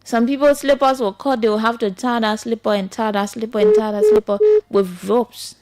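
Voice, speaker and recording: Liberian woman, radio host, earnest commentary, slightly high voice. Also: fairly even intonation, moderate pace, a little mellow. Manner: earnest, repetitive, pleading.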